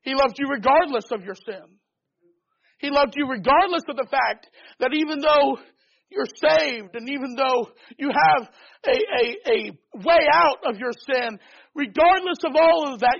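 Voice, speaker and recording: A man's voice: extremely high pitch, a little slow, gravelly, a bit bright. A man preaching a sermon in a fervent, emphatic way, pushing his points in rising bursts. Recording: dull lo-fi recording.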